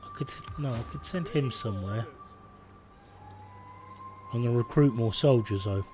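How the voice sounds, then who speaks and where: A man's voice: mid-range voice, normal speed. A man in his forties streaming a strategy game, rambling and self-deprecating while reading the on-screen text aloud. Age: 40s. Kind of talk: casual gameplay commentary. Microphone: phone camera.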